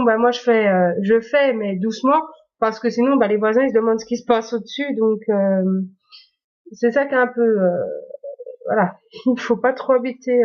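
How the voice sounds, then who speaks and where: Hesitant woman vlogging, dull sound. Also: fairly high pitch. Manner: hesitant, many fillers and restarts. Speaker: YouTuber. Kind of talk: casual phone tour vlog.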